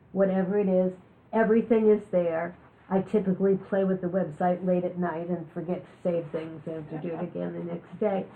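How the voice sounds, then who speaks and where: A woman giving a talk on living with chronic illness, telling candid personal stories with jokes. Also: fairly low pitch. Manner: candid, joking storyteller. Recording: lo-fi, phone-like recording.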